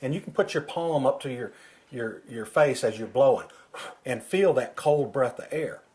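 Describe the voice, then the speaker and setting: A man's voice: mid-range voice, lively intonation, moderate pace, a little mellow. A man working as an instructor, explaining technique informally, step by step and with examples. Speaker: duck-calling instructor.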